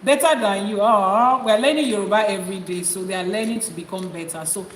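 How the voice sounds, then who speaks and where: A woman with a medium-pitched voice and a quick pace leads a livestream lesson as an Ifá priestess, coaxing viewers through repeated questions. Her chanted invocations are rhythmic and rising, unfolding in long litanies. Echo from a reverberant room and background noise come through.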